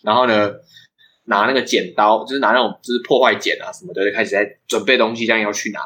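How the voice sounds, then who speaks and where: A man's voice: fairly low pitch, steady tone, bright, forceful tone, poor audio. A young man with a Taiwanese Mandarin accent, hosting a podcast and telling a rambling story with frequent laughs. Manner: fast, rambling, laughs often. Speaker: podcast host. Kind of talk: casual storytelling chat.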